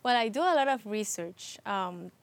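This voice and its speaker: Woman, Ecuadorian-born, interview guest, hesitant restarts, soft laughs. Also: medium pitch, expressive, moderate pace, no room sound. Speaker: interview guest, TV producer and host. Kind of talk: casual interview conversation.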